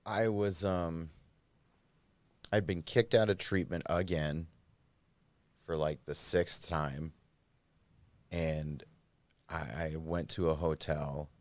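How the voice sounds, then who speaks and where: A man's voice: a bass voice, steady tone, slow, pauses often, no echo. A man, a podcast guest, candidly telling his recovery story in a rambling, filler-heavy way.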